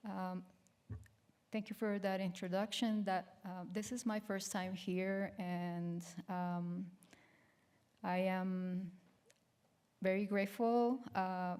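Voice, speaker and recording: A woman in her fifties from Colombia giving an art lecture with slides, pausing often with many ums and restarts. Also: mid-range voice, darkish tone. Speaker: guest artist giving a lecture.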